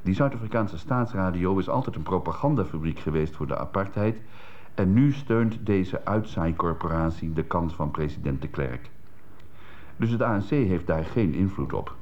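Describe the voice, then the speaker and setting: Columnist: deep-voiced man, dry sarcastic read, muffled old worn tape. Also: expressive, moderate pace, a little mellow. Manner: wry, sarcastic asides. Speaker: radio columnist. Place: radio studio.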